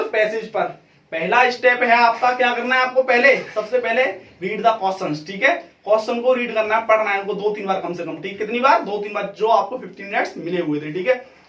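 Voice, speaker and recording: A man's voice: very high-pitched, fairly bright tone. A male teacher giving an exam tips lesson, checking in with "theek hai" after nearly every line. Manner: repeats "theek hai" constantly. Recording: echoey room, mic far off.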